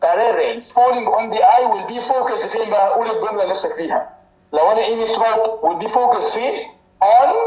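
A man with an Egyptian Arabic accent gives a lively medical lecture in a hall, teasing students and drilling terms by repetition. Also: high-pitched, highs cut off.

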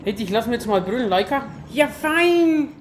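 A man with a Franconian German accent doing excited, casual gameplay commentary, full of loud exclamations. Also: high-pitched, very fast, background noise. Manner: exclaims a lot, talks to his pet in the game. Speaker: let's player.

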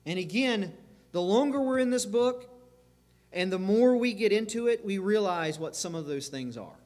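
High, lively-voiced male preacher. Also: moderate pace. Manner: earnest, emphatic preaching with repeated phrases and restarts. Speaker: pastor. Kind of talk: sermon. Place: church sanctuary. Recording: reverberant church sanctuary.

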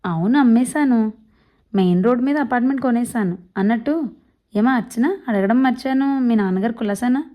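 A woman voicing a blunt, brisk old man in his seventies with a ringing voice, rattling off fast village speech. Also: fairly high pitch, muffled recording, pitched above the performer's own voice, lightly acted. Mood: hearty.

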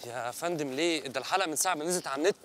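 A man's voice: on the high side, rapid-fire, fairly bright tone, a little hiss or hum, lightly acted. An actor with an Egyptian accent playing a deferential male staffer who reassures his presenter boss. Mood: reassuring.

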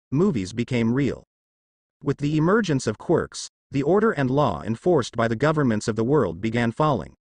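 A man narrates a scripted fan story with dramatic storytelling. His voice sits in a middle pitch but swings widely in tone. The recording is dry and close, with no room sound. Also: dry recording.

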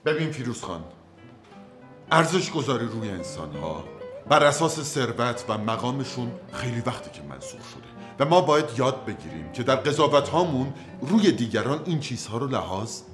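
An actor playing a flustered young husband and doctor in a sitcom, defensive and pleading, lecturing when cornered. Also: male voice, medium pitch, sing-song, over music, lightly acted. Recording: roomy set with faint noise.

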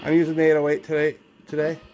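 A man's voice: fairly high pitch, completely flat delivery, fast talker, noisy background. A man, middle-aged, talking informally and ramblingly as he hosts a homemade video, recorded indoors on a handheld camera. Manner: informal, rambling, talks to himself. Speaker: video host. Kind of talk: casual vlog narration with questions called out to spirits. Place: indoors by a window in a room. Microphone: handheld camera, speaker off screen.

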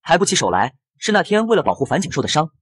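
A man's voice: a little high, sing-song, racing, breathy edge, dry recording, studio quality. Man voicing a scheming rich young charmer. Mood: pleading. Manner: coaxing, pleading, softly persuasive.

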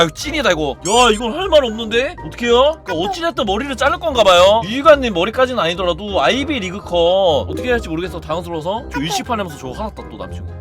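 A man streamer reading and reacting to chat messages live, mocking and loudly animated. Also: high voice. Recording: music playing behind.

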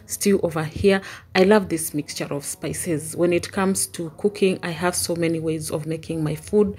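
A woman talks through her home cooking in a relaxed home-vlog way. Her voice is a little husky and sits fairly low. She explains each step calmly, pausing often on small "uh" fillers, with soft music behind her. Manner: calm step-by-step explaining with many "uh" pauses. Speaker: vlogger, stay-at-home mum. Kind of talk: casual cooking voice-over. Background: soft background music.

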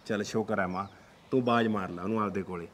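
An actor playing a calm husband who reassures his wife's father and talks with his mother. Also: lowish voice, fast, a little hiss or hum, close to an everyday voice.

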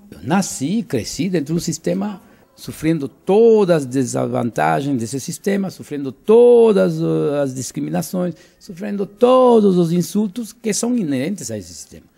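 Older man, from Cuba, gravelly, dark, earnest and emphatic, interview, handheld mic indoors. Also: fairly high pitch, big pitch swings, normal speed. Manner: earnest, emphatic, repeats and restarts words. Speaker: interviewee, author. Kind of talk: interview answers. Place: living room, indoors. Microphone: handheld mic held by interviewer.

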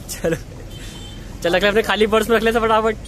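A man's voice: high-pitched, fairly even intonation, fairly quick, a bit bright, rough recording. A young man vlogging from the back of a moving scooter, joking and teasing his friend. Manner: joking, teasing banter while riding. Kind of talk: casual vlog chat. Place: on a moving scooter on city streets. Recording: street and traffic noise outdoors.

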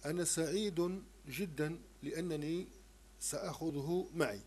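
A man teaching a primary-school French lesson, slowly sounding out syllables and repeating them. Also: fairly high pitch, a little mellow, slightly rough. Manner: slow, repetitive, sounds out syllables.

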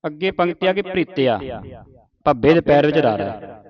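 A man's voice: on the high side, big pitch swings, highs cut off. Patient Punjabi man teaching recitation. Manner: patient, repeats words slowly for the student. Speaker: Gurbani pronunciation teacher. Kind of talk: line-by-line recitation lesson.

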